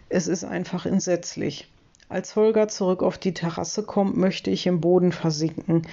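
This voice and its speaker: An audiobook reader narrating a children's novel in the first person, with lively storytelling. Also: medium pitch, highs cut off.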